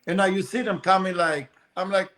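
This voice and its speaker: Bright, high-voiced man chatting casually. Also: fairly quick. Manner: rambling, animated storytelling with frequent fillers. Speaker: guest, RC car racer. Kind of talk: casual podcast chat.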